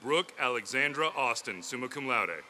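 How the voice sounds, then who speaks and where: A man reading out graduates' names one by one at an outdoor commencement ceremony, steady and formal into a podium mic. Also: mid-range voice, moderate pace. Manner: steady, clear formal announcing. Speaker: commencement name reader.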